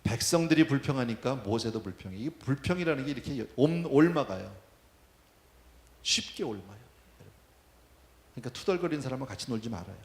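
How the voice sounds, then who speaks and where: A man's voice: medium pitch, animated, fairly quick, pauses often, roomy sound. A man preaching a sermon, talking in a conversational way and asking the congregation questions. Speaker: pastor. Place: church.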